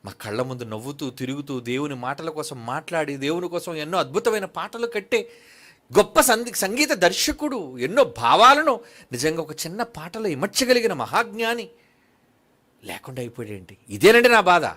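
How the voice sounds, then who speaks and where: A male preacher giving an impassioned sermon, swinging between hushed and loud and asking the congregation many rhetorical questions. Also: a little high, big pitch swings, moderate pace.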